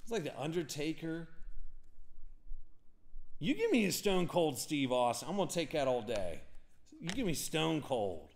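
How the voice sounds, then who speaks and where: A young man hosting a live card break, chatting and rambling excitedly to viewers as he calls out cards. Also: a little high, measured pace, gravelly, long pauses. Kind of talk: casual live-stream card break commentary.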